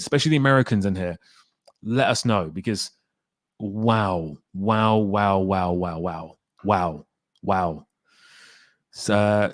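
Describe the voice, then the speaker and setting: Lively man hosting a live stream. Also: fairly low pitch, no echo, clean studio sound. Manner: energetic, urging viewers to like; reacting to chat comments one by one. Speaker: livestream host reading viewer chat. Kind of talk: casual live-stream chat.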